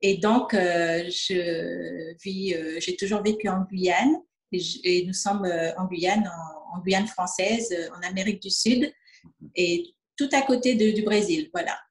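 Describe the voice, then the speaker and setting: A woman's voice: fairly low pitch, a little slow, reverberant. Hesitant fifty-year-old woman from French Guiana. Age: 50s. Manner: hesitant, many fillers, acts out quoted dialogue. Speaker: interviewee, distributor. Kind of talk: testimonial interview.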